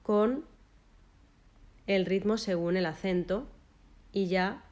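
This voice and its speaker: Measured woman teaching. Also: medium pitch, darkish tone. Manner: measured, lists terms one by one with short pauses. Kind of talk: explanatory lesson.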